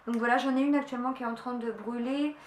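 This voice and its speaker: Fast and steady, a young vlogger with a voice on the high side rattles through her beauty haul chat. Fillers and restarts fill her enthusiastic talk, captured in an echoey room at home with faint ambience and slight background noise.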